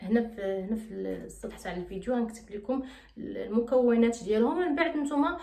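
A woman's voice: on the high side, fast, creaky, warm tone, echoey room. A woman from Morocco with a Moroccan Arabic accent, chatting bubbly and repetitive in a beauty vlog. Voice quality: bubbly, chatty, repeats herself. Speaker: beauty vlogger. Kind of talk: casual vlog chat and recipe explanation.

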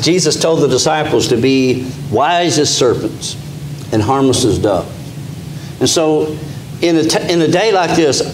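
A middle-aged man with an Appalachian Kentucky accent preaching a sermon conversationally, restarting phrases often. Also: mid-range voice. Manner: conversational preaching with frequent restarts and fillers, gesturing while standing. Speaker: pastor. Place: small church sanctuary, indoors. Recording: echoey church room with faint hum.

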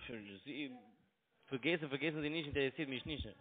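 Over a tinny, narrowband phone line, a man with a foreign accent, a phone broker and scam caller whose first language isn't German, argues in broken sentences and keeps repeating his phrases. His voice is on the high side, brisk, with fairly even intonation.

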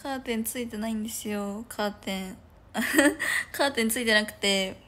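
A young woman chats casually on a home livestream. Her voice sits a little high, and she rambles with plenty of fillers and giggles between thoughts. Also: moderate pace, fairly bright tone. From Japan. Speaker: idol livestreamer. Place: room at home with no curtains.

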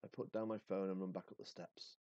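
A man's voice: low-pitched, little pitch movement, fairly quick, dark tone, no echo, dull audio. A male teacher reading a story aloud expressively, then setting a task casually with fillers.

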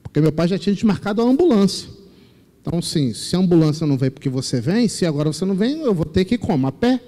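A man's voice: sits high, animated, fast, dark tone. A man preaching a sermon in a church, telling personal stories and acting out the dialogue in them at a shifting pace. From Brazil. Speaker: pastor. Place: large church sanctuary. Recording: long reverb of a church hall.

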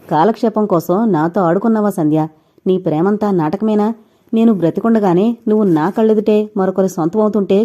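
A woman's voice: lowish voice, mellow, close to an everyday voice. A woman voicing a heartbroken young man who pleads and accuses, in an audio novel. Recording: dull lo-fi recording.

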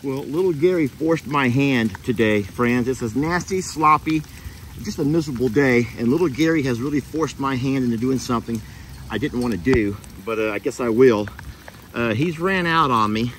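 A man's voice: medium pitch, normal speed, slight background noise, rough recording. A man, chatting casually to viewers as he vlogs his ranch chores outdoors, recorded on a handheld phone. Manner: chatty, talks straight to viewers. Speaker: ranch vlogger. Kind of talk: casual vlog narration. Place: outdoors on a rainy ranch and in a vehicle.

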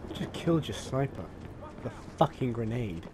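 A man commentating his own video game playthrough, swearing freely and bursting into excitable outbursts. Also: mid-range voice, moderate pace, over music. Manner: profane, excitable, laughing at himself. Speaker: gaming channel host. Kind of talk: let's play commentary.

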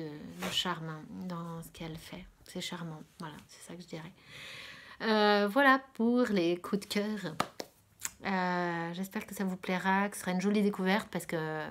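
A woman from France chats casually as host of a knitting podcast, her voice sitting a little low. She hesitates often and fills gaps with filler sounds, often slipping into a soft near-whisper. She gushes over what she likes, repeating words of praise. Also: slight background noise. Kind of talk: casual chat about knitting.

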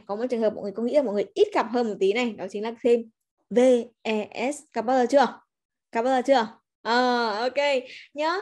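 A woman's voice: a little high, a little mellow. A woman English teacher, giving a chatty livestreamed grammar lesson and coaxing students with frequent check-ins. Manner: chatty, coaxing, peppers speech with "ok" and "nhá".

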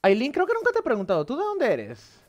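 A young adult male streamer with a Mexican Spanish accent chats casually with viewers while gaming, thinking aloud and swearing lightly. He uses a headset in a small room at home. His very high voice swoops wildly, he talks fast, and the highs are cut off.

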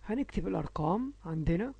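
A male Egyptian teacher with a gravelly, mellow voice, slowly stretching out letter sounds in a phonics lesson for small children. Egyptian Arabic accent, recorded dry with no room echo. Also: high-pitched, lively intonation, dull audio. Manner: slow, drawn-out sounding of letters. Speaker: English teacher for young children.

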